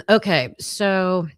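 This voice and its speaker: A woman hosting a casual livestream case discussion, talking in a halting way with many fillers and frequent laughs. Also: medium pitch, no echo, clean studio sound. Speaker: livestream host.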